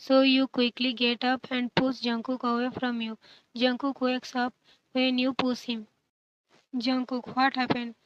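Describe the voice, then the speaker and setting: Flat high-voiced woman narrating a story. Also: normal speed, background noise. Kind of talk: scripted fan-fiction narration. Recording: dull lo-fi sound.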